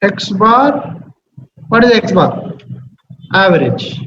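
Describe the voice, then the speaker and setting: A man's voice: sits high, sing-song, slow, sharp tone. A man with a Telugu accent giving an interactive lecture, repeating himself and checking understanding with short questions. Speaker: statistics teacher. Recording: muffled, echoey, noisy room recording.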